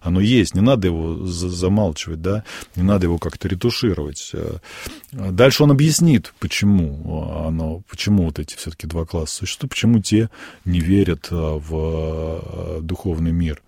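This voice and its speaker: A priest on a radio programme who talks about church writings in a measured, thoughtful way, with many pauses. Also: male voice, low voice, mellow, husky, no echo.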